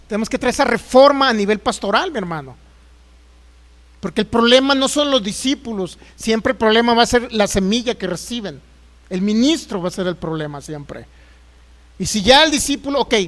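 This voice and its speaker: A man's voice: very high voice, a bit bright. A man preaching a sermon as a pastor, emphatic and acting out the voices he quotes.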